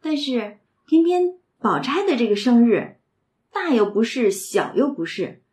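A woman voicing a shrewd young noblewoman who runs a household, speaking in a brisk and calculating way. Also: fairly high pitch, expressive, darkish tone.

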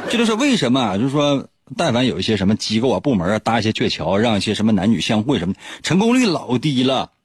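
A man's voice: mid-range voice, very animated, quick pace, few pauses, husky. A man, a radio host telling a legend in a teasing, joking way, chuckling often. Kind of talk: joking storytelling. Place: radio studio.

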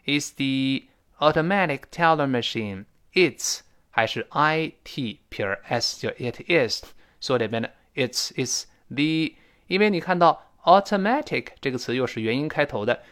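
A man's voice: mid-range voice, a bit bright. A man teaching a spoken English lesson, explaining pronunciation and modeling phrases for learners to repeat.

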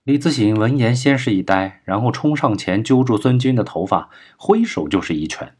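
A man narrating a crime novel as an audiobook, reading in a steady, measured way. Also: mid-range voice, slightly rough.

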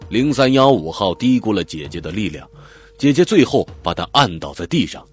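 A man narrates a grim audiobook in a low, husky voice. His pitch rises and falls in lively, expressive swings. Soft music plays quietly behind him. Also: normal speed. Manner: vivid, expressive storytelling. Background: faint background music.

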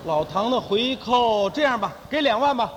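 A man's voice: extremely high pitch, animated, moderate pace, big-room sound, slight background noise. A man playing a smug blustering fixer. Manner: blustering, bossy, talks down to his partner. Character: smug self-important middle-aged man who boasts of connections. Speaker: crosstalk comedian. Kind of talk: crosstalk stage comedy.

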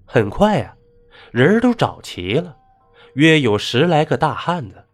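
Guy narrating a spooky folk story, super lively up and down voice, faint music under it. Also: a little high, measured pace. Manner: dramatic, rising and falling delivery. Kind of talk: scripted narration of a ghost story.

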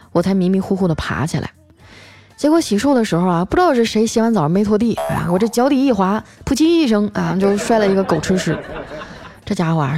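A woman's voice: mid-range voice, warm tone. A woman telling comic everyday stories in a chatty monologue, sprinkled with filler particles. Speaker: comic storyteller.

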